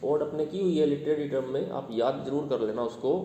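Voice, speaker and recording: A man's voice: fairly high pitch, brisk, dark tone, a little hiss or hum. Man teaching in an echoey classroom. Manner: explains patiently, quizzes the class with questions. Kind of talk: classroom lecture. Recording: echoey classroom with long reverb.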